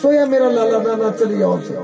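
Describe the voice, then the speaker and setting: A man's voice: very high voice, wildly swooping pitch, normal speed, over music, voice pushed up, heavily acted. A fretful, protective young mother pleads in a raised, urgent voice, as a male preacher puts her on. Instruments play steadily behind her during this devotional storytelling. She sounds insistent and anxious. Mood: pleading. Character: worried protective mother of a baby.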